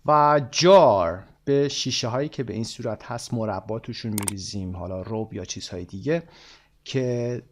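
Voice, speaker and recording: A man's voice: fairly low pitch, a little hiss or hum. Man teaching English in Persian. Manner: slow, drawn-out English phrases; quick Persian explanations. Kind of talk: textbook lesson explanation.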